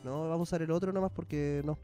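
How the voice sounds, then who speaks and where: A woman's voice: low-pitched, fairly even intonation, fast, dark tone, soft background music, close to an everyday voice. A man imitating his stubborn, defensive grandmother, who snaps out indignant denials.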